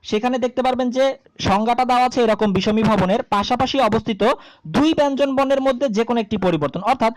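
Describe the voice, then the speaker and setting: A woman's voice: a little high, fast, dry recording. A woman teaching a grammar lesson, explaining step by step at a board and asking the class rhetorical questions.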